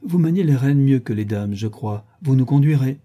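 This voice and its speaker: A man's voice: mid-range voice, lively intonation, moderate pace, warm tone, voice pushed up, lightly acted. A man reading an audiobook, voicing a witty, playful aristocratic lady who hands down mock-solemn judgments.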